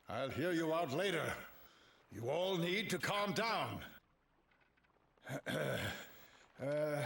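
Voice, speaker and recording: An actor playing a suspicious, curt ship captain who poses as a merchant in a video game. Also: male voice, high voice, pushed and bright, reverberant, a little hiss or hum, full character voice. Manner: curt, impatient.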